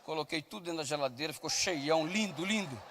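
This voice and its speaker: A male pastor preaching a sermon with comic stories, loud and at times shouting, acting out the voices of people in his stories. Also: a little high, quick pace, in a large hall, slight background noise.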